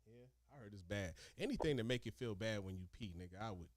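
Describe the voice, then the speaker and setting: A man telling stories casually in animated, profane street slang, talking like a streetwise former inmate. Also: fairly low pitch, quick pace, no room sound. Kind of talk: casual storytelling chat.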